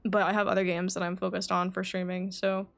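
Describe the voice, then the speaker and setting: This woman plays a game on stream, chatting loosely with viewers and voicing the game's dialogue. She speaks fairly quickly in a gravelly, monotone voice pitched fairly low, and there is faint noise in the background.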